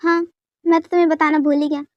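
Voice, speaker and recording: A woman voicing a middle-aged father who speaks gently and reassures his son and wife, in a dubbed fan story. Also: high-pitched, quick pace, dry recording, dull audio, soft background music, natural voice. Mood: calm. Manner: gentle, steady.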